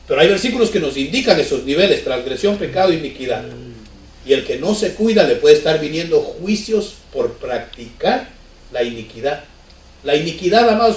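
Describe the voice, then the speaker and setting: A male pastor preaching a sermon conversationally, often asking the congregation rhetorical questions. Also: on the high side. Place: church hall. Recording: echoey church from far off.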